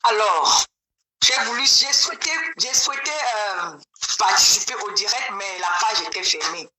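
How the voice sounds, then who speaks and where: A woman's voice: mid-range voice, a little slow. A woman caller heard over a speakerphone, giving an emphatic, rousing political address straight to the audience. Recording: roomy speakerphone call with crowd noise.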